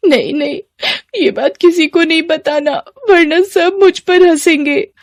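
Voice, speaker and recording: A naive, anxious teenage schoolgirl from a cartoon, voiced by a woman who lifts her voice into a high, girlish register. Her lines come out pleading, and the recording is dry. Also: a little slow, a little mellow, no room sound. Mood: tearful.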